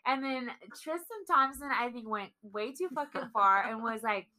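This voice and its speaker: A young woman trading opinions in a casual chat, blunt and quick to swear. Her voice sits a touch high and sounds bright and forward. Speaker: podcast co-host.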